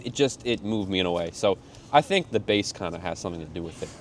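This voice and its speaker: A young man talks fast, with a low voice and a loose, slangy delivery. He is a producer telling stories in a casual interview and livens up when he quotes people. A faint room hum sits under the voice. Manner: relaxed slangy storytelling, animated when quoting people. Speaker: music producer, guest.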